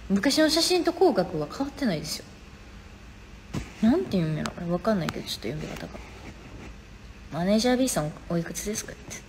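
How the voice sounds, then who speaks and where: A woman's voice: mid-range voice, big pitch swings, fast talker, long pauses. A young woman with a Kansai accent hosting a live stream from her phone, reading viewer comments aloud and answering them in a chatty, casual way. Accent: Kansai Japanese. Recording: reverberant room, faint background noise.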